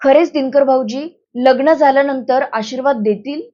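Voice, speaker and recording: A woman's voice: high voice, moderate pace, dull audio, close to an everyday voice. An anxious, pleading young village woman, as a woman reads her.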